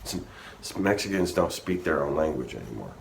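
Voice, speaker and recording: A man's voice: extremely low pitch, big pitch swings, brisk, gravelly, slight background noise. A man rambling through a history story in a casual, profane rant, restarting often and swearing freely.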